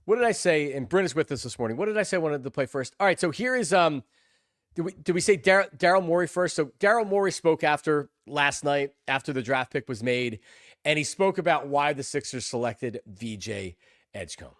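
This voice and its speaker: Sports radio guy riffing fast, keeps repeating himself, super dry close sound. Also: a little high, no room sound. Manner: excitable, rambling, repeats words. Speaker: sports talk show host. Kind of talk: casual sports talk.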